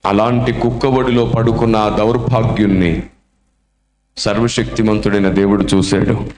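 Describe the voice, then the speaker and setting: A man's voice: on the low side, little pitch movement, moderate pace, a little mellow. A male preacher telling a story dramatically and emotionally during a sermon in a church. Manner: dramatic, emotional, acts out the voices. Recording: echoey church hall.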